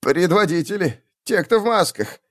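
A man voicing a frightened male cultist agitator who whimpers and pleads in a high, panicked squeak. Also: lively intonation, normal speed, a bit bright. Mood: terrified, pleading.

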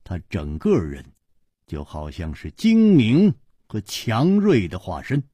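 A man narrating a martial-arts story in a dramatic, expressive storytelling manner. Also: on the low side, slow pace, breathy edge, no room sound. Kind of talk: traditional Chinese storytelling narration.

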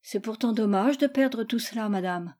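Woman reading as a polite humble maid, low mellow voice. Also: moderate pace, natural voice. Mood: deferential. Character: humble, practical housemaid.

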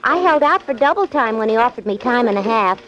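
Actress as chirpy young office girl, 1940s radio drama, high animated voice, muffled recording with crowd murmur. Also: brisk, natural voice. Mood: chirpy, eager. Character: chirpy, naive young female office clerk.

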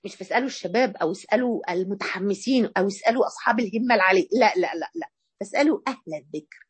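A woman with an Egyptian accent giving a religious lesson in a colloquial, emphatic and animated way. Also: mid-range voice, racing, slightly rough, no echo. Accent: Egyptian Arabic. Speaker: female Islamic preacher.

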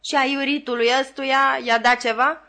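Shrill scolding housewife done by a woman reader, sarcastic, bossy, high, loud, audiobook. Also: fairly even intonation.

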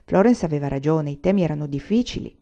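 Woman reader, warm and mellow, steady storytelling, slightly muffled sound. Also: low-pitched, fast talker. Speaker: audiobook reader. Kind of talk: novel read aloud.

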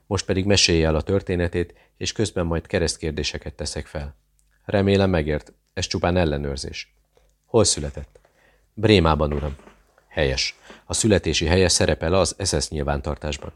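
A man with a very low, deep voice reads a thriller audiobook. He narrates in a steady, measured way and gives the dialogue its own lines.

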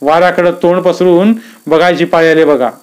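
A man's voice: sits high, fairly even intonation, moderate pace, smooth, voice pushed up, natural voice. A man voicing a desperate old village father who cries out in despair in rustic dialect.

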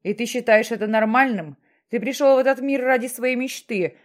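A woman's voice: on the high side, a little fast, close to an everyday voice. Woman voicing a stern thunderous sky voice. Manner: insistent, questioning, lecturing.

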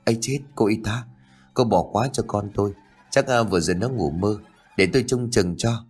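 A man's voice: on the low side, moderate pace, darkish tone, husky, soft background music. A man voicing a worried, scolding middle-aged mother in an audio story. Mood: pleading. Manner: scolding, fretful.

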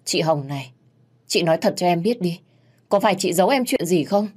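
A woman voicing a bold young servant woman who answers with quick, cutting retorts. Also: on the low side, expressive, darkish tone, husky. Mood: firm.

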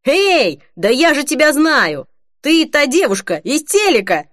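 A woman voicing a pimply young male shop clerk who shouts in thrilled delight. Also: sing-song, measured pace, dry recording, clean studio sound, exaggerated voice. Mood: excited. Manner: shouting, thrilled, high-pitched.

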